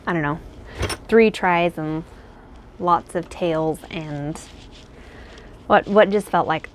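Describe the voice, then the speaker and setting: Rambling woman with a lowish voice. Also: slow, a little hiss or hum. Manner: rambling and thinking aloud, many fillers. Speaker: crochet pattern designer. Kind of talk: casual chat. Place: home, indoors.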